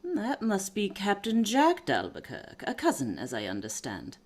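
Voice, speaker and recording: A woman's voice: medium pitch, huge pitch swings, moderate pace, slightly rough. A woman playing a composed, knowing aristocratic lady detective, self-assured and formal, in a period radio drama.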